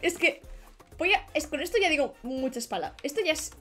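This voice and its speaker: A woman's voice: sits high, lively intonation, brisk, a bit bright. A young woman streamer chatting casually while she draws, rambling and trailing off as she works. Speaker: streamer and illustrator. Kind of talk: casual live-stream chat while drawing. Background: faint background music.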